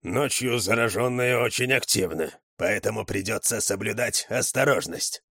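A man's voice: on the low side, normal speed, gravelly, sharp tone, husky, no room sound, clean studio sound, exaggerated voice. A man voicing a cool, slangy male leader in a storybook who speaks unflappably. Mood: unflappable.

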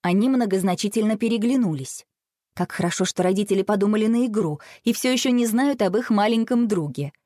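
A woman narrating a children's audiobook in an expressive storytelling manner. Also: medium pitch, a little fast, dry recording, studio quality.

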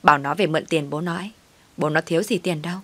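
A woman's voice: low voice, quick pace. A woman voicing a scheming older mother-in-law who coaxes and complains. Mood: coaxing. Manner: coaxing then complaining.

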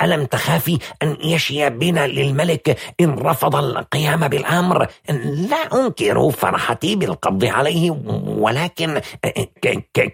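A man voicing an agitated, scheming male intelligence officer in an audiobook, husky and indignant. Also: mid-range voice, no room sound, clean studio sound, pitched above the performer's own voice, full character voice. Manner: pleading, indignant outbursts. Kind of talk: audiobook character voice.

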